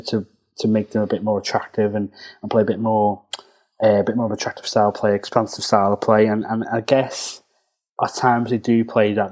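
Lower-voiced Scouse football pundit. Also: male voice, darkish tone. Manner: analytical, thinks aloud with many restarts. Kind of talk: casual podcast chat.

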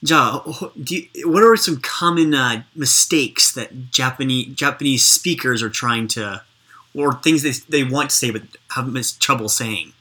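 A woman's voice: very deep voice, normal speed, pushed and bright, breathy edge. A woman interviewer chatting casually and encouragingly, explaining things with examples.

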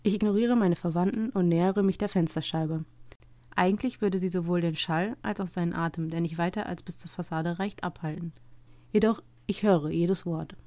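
Low, mellow woman reading a story. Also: normal speed, no echo. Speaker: narrator. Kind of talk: scripted first-person story reading.

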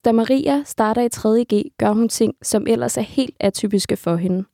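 Female narrator, higher-pitched, mellow, measured documentary voice-over. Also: gravelly, dry recording, clean studio sound. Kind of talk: scripted narration.

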